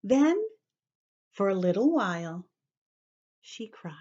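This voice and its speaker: A warm, mid-range voice, very animated but slow-paced, belongs to a woman reading a picture book to young kids. She explains vocabulary and occasionally whispers; the sound quality is lo-fi.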